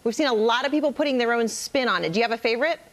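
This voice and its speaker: Bright-voiced woman hosting a morning show. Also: fairly high pitch, very fast. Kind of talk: live TV interview.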